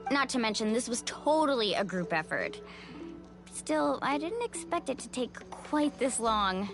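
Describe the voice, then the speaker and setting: Upbeat young game heroine, friendly and energetic, high bouncy delivery. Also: female voice, a little slow. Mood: cheerful. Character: upbeat young woman, cheerful shopkeeper. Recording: game voice with music behind.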